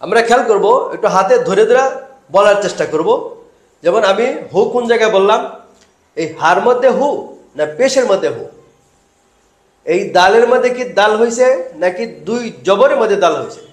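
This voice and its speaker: Recitation teacher, man, high-pitched voice, asks then answers his own questions. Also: lively intonation, moderate pace, long pauses, reverberant. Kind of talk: step-by-step recitation lesson.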